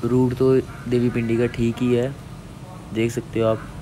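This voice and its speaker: Unhurried and mellow, a young man from Jammu, India, narrates a casual travel vlog in a mid-range voice with little pitch movement. He points out the scenery from his motorbike and a hillside trail, and the outdoor recording is noisy.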